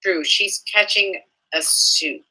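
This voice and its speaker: Sarcastic woman with a bright edge. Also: medium pitch, husky, poor audio. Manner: indignant, sarcastic, profane; halting with frequent restarts. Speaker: vlogger reading comments. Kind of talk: casual ranting commentary.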